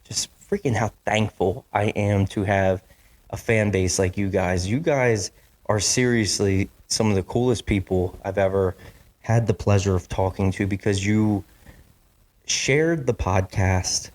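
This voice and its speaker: This podcast host talks alone into a studio mic in his basement at home, his fairly low voice a little slow and a little mellow. The chat is casual and rambly, with lots of fillers, frequent apologies, and sentences he starts over.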